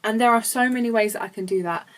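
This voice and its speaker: A woman's voice: fairly high pitch, fast talker, poor audio. A young woman giving frank advice in a casual vlog, talking passionately and swearing freely as she reads out viewer comments. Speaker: vlogger.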